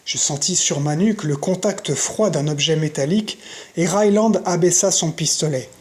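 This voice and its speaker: In this scripted audiobook narration, the reader tells a novel's story at a steady, measured rhythm, using a mid-range voice.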